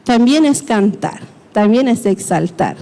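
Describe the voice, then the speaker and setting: A woman's voice: medium pitch, expressive, a little slow, mellow. A woman preacher, giving a sermon and explaining step by step, often checking in with the congregation. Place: church hall. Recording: long hall reverb.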